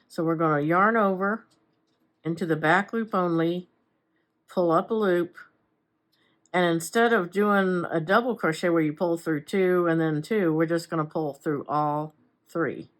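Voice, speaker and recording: A woman with a somewhat low voice walks through crochet steps in a relaxed, casual tutorial. She talks as she works, unhurried, with chatty little asides and self-corrections. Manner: unhurried, talks while working with her hands. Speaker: crochet instructor. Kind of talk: casual step-by-step craft tutorial.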